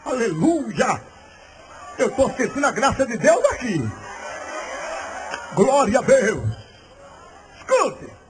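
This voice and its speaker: A man preaching a sermon in a fervent, theatrical manner, often shouting. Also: extremely high pitch, huge pitch swings, slow, long pauses, a little hiss or hum, poor audio. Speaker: missionary preacher. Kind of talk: sermon with a personal story.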